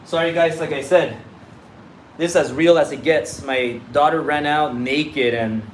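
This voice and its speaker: On a phone livestream, a Mexican business coach whose first language is Spanish talks bluntly and casually in a Mexican Spanish accent, swearing and repeating himself freely. His voice is on the high side and steady, and he speaks unhurriedly. The recording is rough, with slight background noise.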